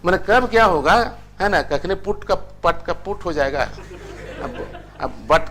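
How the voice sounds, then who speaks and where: Older man, language teacher, slightly high voice, anecdotal lecture style, faint background noise. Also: lively intonation, takes it slowly, fairly bright tone. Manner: chatty, anecdotal, tells stories with acted quotes. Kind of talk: classroom lecture.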